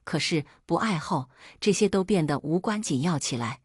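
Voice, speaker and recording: Female narrator, husky and low-pitched, first-person novel read with a dry sound. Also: animated, normal speed, no echo. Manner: reads all parts in her own voice.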